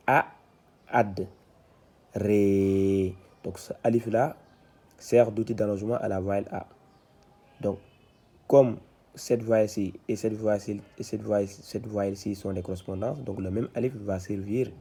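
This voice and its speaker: Low, gravelly male teacher from West Africa, slow and flat, drilling syllables one by one. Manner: slow, repetitive, explains then reads syllables aloud louder. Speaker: Quran reading teacher. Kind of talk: syllable-by-syllable reading lesson.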